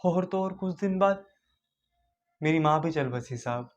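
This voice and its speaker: A man's voice: on the high side, animated, unhurried, muffled recording. An actor playing a poor young man who pleads with a sir about a childhood of hunger, in an audition monologue. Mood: grief-stricken. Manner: pleading, addressing a sir again and again.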